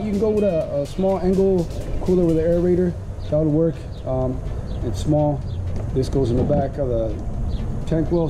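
A man in his thirties casually reviewing fishing gear outdoors in a backyard, talking with frequent fillers as he holds up each item. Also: mid-range voice. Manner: relaxed, many "um" fillers, explains gear while holding it up. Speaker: kayak fishing vlogger.

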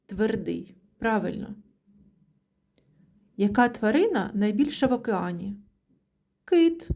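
A woman teaching young children their letters, sounding each letter out slowly and praising them often. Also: mid-range voice, warm tone. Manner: slow, drawn-out sounding of letters; praising, encouraging. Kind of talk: children's literacy lesson.

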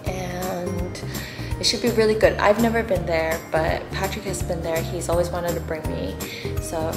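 A woman's voice: lowish voice, fairly even intonation, moderate pace, reverberant, over music. A young adult woman chatting casually and upbeat in a vlog, filling her talk with "like" and "um". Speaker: vlogger.

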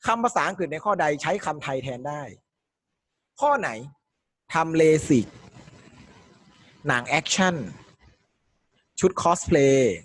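A man's voice: on the high side, very animated, takes it slowly, pauses often, fairly bright tone, no echo. A man teaching an exam-prep language lesson, working through questions step by step and quizzing his students as he goes. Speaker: Thai language tutor.

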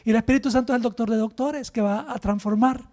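A man delivers a sermon to his congregation in a church. His voice sits extremely high for a man, and he drives his points home with emphatic rhetorical questions. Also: steady tone, fast talker, darkish tone. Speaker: pastor.

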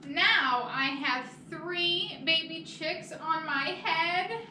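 A woman voicing an anxious, exasperated elephant in a children's picture book, with drawn-out, incredulous exclamations. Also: very high voice, pushed and bright, full character voice. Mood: exasperated disbelief. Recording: echoey, noisy room, far from mic.

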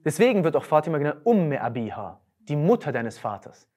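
A woman's voice: low-pitched, big pitch swings, brisk, dark tone. A woman giving a religious lecture, emphatic and firing off rhetorical questions.

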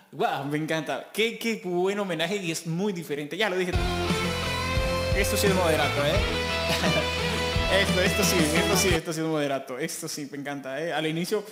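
Excitable man gushing over a song. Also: a little high, moderate pace, loud music behind the voice. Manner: gushing, excitable, laughs often. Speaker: music reaction youtuber. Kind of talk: excited music reaction commentary.

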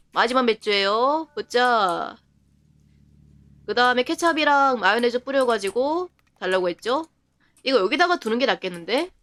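A woman streamer with a slightly high, fairly bright voice commentates live on a game. She chats to herself, laughs often and reacts to the action with quick, surprised remarks.

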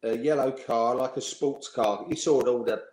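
A man in his sixties recalls his playing days with easy, lively storytelling, laughing along at his own tales. His voice sits at an ordinary middle pitch. He sounds like he is in a bare room with a noticeable echo. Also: moderate pace. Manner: lively storyteller, chuckling, acts out the people he quotes. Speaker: former footballer, interview guest. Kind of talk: anecdotal interview storytelling. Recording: echoey room.

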